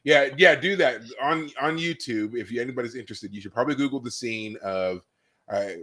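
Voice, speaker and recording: Animated man retelling scenes on a podcast. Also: mid-range voice, a little fast. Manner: animated storyteller, acts out scenes with loud exclamations. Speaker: podcast co-host. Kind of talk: casual chat. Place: live podcast recording.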